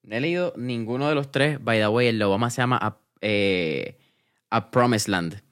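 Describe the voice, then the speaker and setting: This is a man who hosts an interview podcast. He keeps the talk loose and relaxed and slips English words in. His voice sits at an ordinary middle pitch for a man. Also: moderate pace, clear, resonant tone. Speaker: podcast host interviewing an entrepreneur. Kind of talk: casual interview chat.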